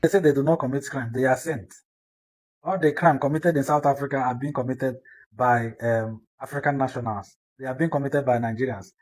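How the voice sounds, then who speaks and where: A man's voice: mid-range voice, steady tone, a little fast, rough recording. A man delivering an insistent, repetitive opinion monologue. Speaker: commentator.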